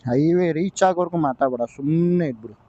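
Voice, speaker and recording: A male motovlogger who talks fast in a fairly high but dark, mellow voice, weary and placating as he gives in. The recording sounds dull and lo-fi. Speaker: motovlogger and rider. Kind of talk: comic motovlog sketch.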